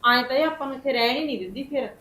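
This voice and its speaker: A woman's voice: sits high, very fast, sharp tone. A woman playing a defiant aunt who argues back hard in a family drama. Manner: argumentative, talking back. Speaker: paternal aunt living in her brother's house. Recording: echoey room.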